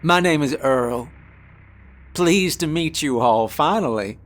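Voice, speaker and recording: A man voicing a short, bald, wealthy older boss with a Southern drawl, loud and booming. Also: expressive, slow. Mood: jovial. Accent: American Southern.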